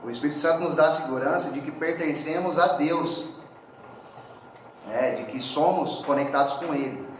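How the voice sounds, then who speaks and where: A man's voice: medium pitch, a little hiss or hum. A man preaching a sermon in a church hall, talking conversationally and often adding tag questions. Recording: very echoey hall, speaker far from mic.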